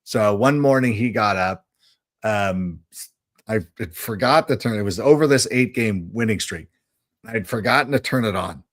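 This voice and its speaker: A middle-aged man co-hosting a livestream, telling parenting stories in a casual, animated way. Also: lowish voice, normal speed, dry recording, studio quality. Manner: animated storyteller, jumps into voices when quoting. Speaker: livestream co-host. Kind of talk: casual chat.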